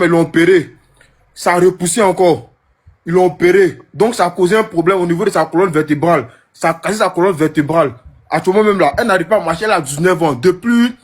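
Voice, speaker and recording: A young man from Côte d'Ivoire calls in with an emotional plea, his high, slightly rough voice carrying an Ivorian French accent. Moved and pleading, he repeats himself and stumbles over his words.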